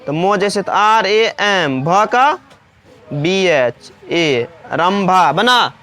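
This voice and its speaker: A woman's voice: medium pitch, expressive, takes it slowly, a bit bright. A woman teacher giving a spelling lesson for children, asking questions and then answering them herself, repeating every point. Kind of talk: slow classroom-style spelling lesson.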